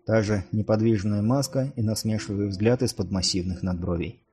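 A man narrating a fantasy novel as an audiobook reader, in a measured storytelling manner. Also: lowish voice, fairly even intonation, warm tone, slight background noise.

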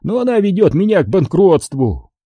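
A man's voice: high voice, big pitch swings, normal speed, warm tone, husky, no room sound, voice pushed up, exaggerated voice. A man voicing an easygoing, chatty older café owner, wheedling and jokey, in an audiobook. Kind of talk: audiobook character voice.

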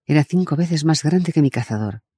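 A male narrator reads a novel aloud in an even, measured way. His voice is dark and mellow with a husky grain. The recording is dry and close, with no room around it. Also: fairly high pitch, dry recording. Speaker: audiobook narrator. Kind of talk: audiobook narration.

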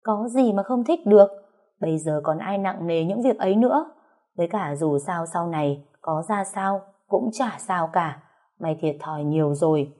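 Blunt young best friend, a woman reading; frank, pushy, low and mellow. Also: normal speed, close to an everyday voice. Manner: frank, teasing.

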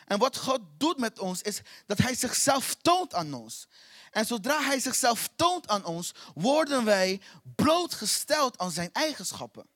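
A man preaching a sermon with passion, repeating phrases and swinging from soft to loud. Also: very high voice, very animated, unhurried. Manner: impassioned, repetitive, swings between soft and loud.

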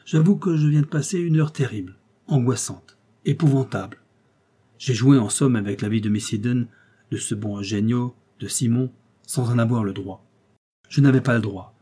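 A man's voice: mid-range voice, normal speed, dark tone, husky, lightly acted. A man voicing an earnest police detective in an audiobook, speaking in an explanatory, slightly theatrical way. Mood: anguished. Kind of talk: audiobook character reading.

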